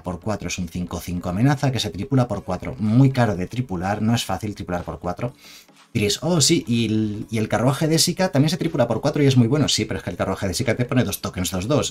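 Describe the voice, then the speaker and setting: Low-voiced Spanish man streaming casually. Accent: Spain Spanish. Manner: chatty, digressive, reads chat aloud. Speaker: streamer reviewing game cards. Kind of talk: casual live-stream commentary.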